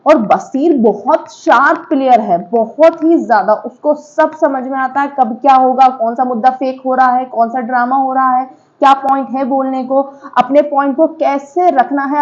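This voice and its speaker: On a reality show, a woman speaks to viewers with casual, forceful commentary, mixing in English words and checking on her audience. Her voice is high-pitched and a bit mellow, and the recording sounds muffled.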